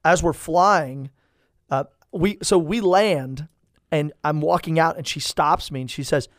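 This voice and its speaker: A man in his thirties, a priest, telling stories in a lively, animated chat and acting out the people he quotes. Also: fairly high pitch, a little slow, dry recording, clean studio sound. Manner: animated storyteller, acts out quoted voices. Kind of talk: storytelling in casual chat.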